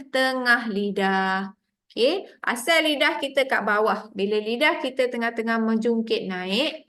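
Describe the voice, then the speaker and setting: A woman's voice: on the high side, fairly bright tone. A woman with a Malaysian Malay accent teaching a tajweed class, explaining sounds patiently step by step. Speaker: Quran recitation teacher. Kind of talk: online tajweed lesson.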